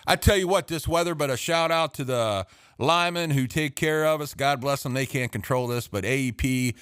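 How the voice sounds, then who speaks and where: A man's voice: medium pitch, moderate pace, a bit bright, clean tone. A middle-aged man hosting a late-night podcast from a home basement studio, rambling and joking casually, laughing at his own corny jokes, sounding tired. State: tired, running on energy drinks. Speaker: podcast host.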